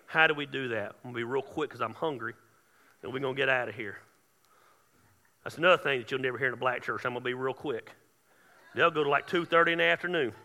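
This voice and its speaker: Joking preacher man with a bright edge. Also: mid-range voice, fast talker, long pauses, in a large hall. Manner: humorous, conversational, builds to shouting. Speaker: pastor. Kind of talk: sermon. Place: church sanctuary.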